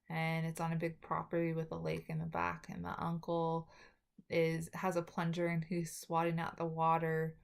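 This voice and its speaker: A woman talking with new dental braces, giving a halting spoken summary as a student presenter, often correcting herself. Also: sits low, creaky. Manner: halting, with self-corrections and trailing restarts. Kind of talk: spoken film summary for a class video.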